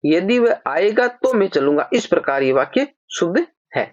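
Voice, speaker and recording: A teacher gives an exam-prep grammar lesson, patiently explaining and slowly repeating example sentences. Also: medium pitch, sing-song, no echo. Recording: slightly dull, dry lo-fi recording.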